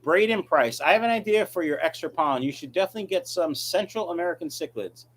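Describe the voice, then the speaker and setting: A man's voice: on the high side, expressive, fast talker, slightly rough. A man hosting a casual livestream, reading viewer questions and answering them in a blunt, offhand way. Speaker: livestream host, aquarium fish breeder.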